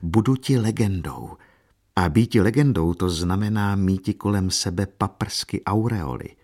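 A man reading the gentle farewell words of a dying young man, in a soft, consoling manner. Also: low-pitched.

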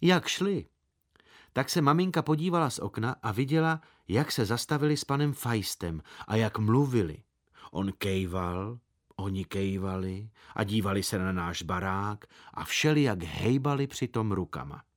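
A man reading a story aloud as narrator, in lively, measured storytelling. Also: lowish voice. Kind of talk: scripted narration.

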